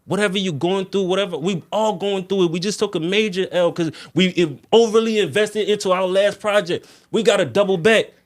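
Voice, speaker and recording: A man speaks in a notably high register. His talk is casual and slangy, like venting among friends on a show. He leans on short repeated phrases to hammer each point home. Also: a little fast, hardly any pauses. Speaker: music artist guest.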